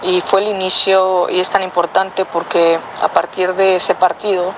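A woman's voice: lowish voice, flat delivery, normal speed. A woman, a former national team footballer, speaking proudly and measuredly, recorded outdoors in a city with street noise behind her. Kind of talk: reflective testimony.

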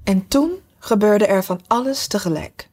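A woman narrating a storybook in a measured, even reading voice. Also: medium pitch, soft background music. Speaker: audiobook narrator.

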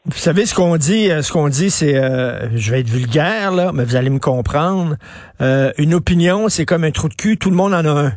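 Male radio host, Québécois accent, colloquial and blunt, higher-pitched, dry studio. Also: animated, normal speed, darkish tone, no room sound. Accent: Québécois French. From Quebec. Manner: blunt and colloquial, with many fillers. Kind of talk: radio talk show chat.

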